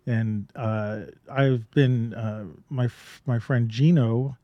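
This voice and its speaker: A man's voice: medium pitch, fairly even intonation, takes it slowly, no room sound, lo-fi sound. A man co-hosting a podcast, talking in a loose, rambling way with lots of fillers and restarts. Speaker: podcast co-host. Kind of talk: casual chat.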